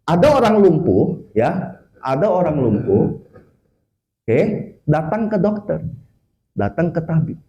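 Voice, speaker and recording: Male preacher, chatty sermon, high and animated, warm mellow tone, tags lines with "oke". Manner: lively, conversational, frequent "oke" and "ya" tags, mixes in English words. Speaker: evangelist preacher. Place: office worship service.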